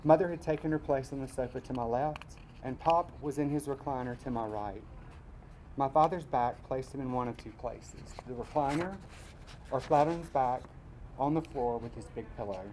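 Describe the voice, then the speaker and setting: A man from Mississippi, reading his personal essay aloud at a live event in a measured, wry way. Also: mid-range voice, darkish tone, slight background noise, poor audio. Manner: measured storytelling, wry asides.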